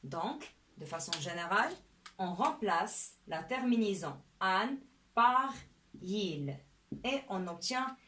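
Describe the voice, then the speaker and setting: Woman teacher, slow deliberate delivery, animated pitch, fairly high voice, chemistry lesson. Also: a little hiss or hum. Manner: slow and deliberate, often asks "d'accord?". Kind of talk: step-by-step lesson.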